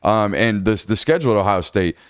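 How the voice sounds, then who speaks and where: A man's voice: on the low side, lively intonation, fairly quick, clean tone, no echo, clean studio sound. A man hosting a casual college football show, talking loosely and correcting himself as he goes. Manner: loose, rambling, self-correcting. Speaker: host. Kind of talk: casual sports podcast chat.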